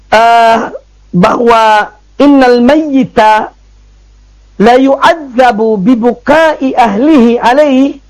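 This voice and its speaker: Male preacher, very high voice, emphatic and repetitive lecture delivery. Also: rough recording. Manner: emphatic, repeats phrases with frequent "ya" fillers. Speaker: Islamic preacher. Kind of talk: religious study lecture.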